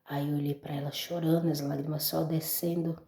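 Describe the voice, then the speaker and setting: A woman's voice: sits low, little pitch movement, a little fast, dark tone, roomy sound. A Brazilian woman giving an emotional church testimony, speaking straight to her listeners as brothers and folks. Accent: Brazilian Portuguese.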